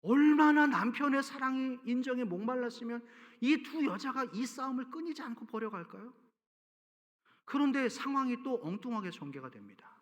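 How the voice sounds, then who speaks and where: A male pastor giving an animated, storytelling sermon and cueing the congregation to read aloud together. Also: very high-pitched, normal speed. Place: large church sanctuary. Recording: reverberant church hall.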